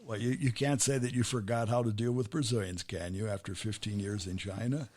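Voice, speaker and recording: A middle-aged American podcast host asks his interview questions conversationally, in rambling runs full of restarts. His voice is fairly low, steady and darkish, and he talks a little fast.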